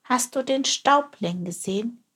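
A woman's voice: on the high side, very animated, a little slow, pitched above the performer's own voice. A woman voicing a small, chatty young male sparrow, eager and cheeky in tone.

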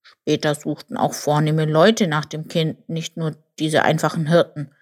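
Woman playing a slow, grumbling, forgetful old buffalo for a storybook, lowish voice. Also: flat delivery. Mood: grumbly.

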